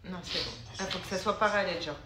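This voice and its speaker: A woman's voice: lowish voice, quick pace. A woman vlogging casually at home, teasing and laughing with her family, easily exasperated. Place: indoors at home. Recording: echoey room with loud noise.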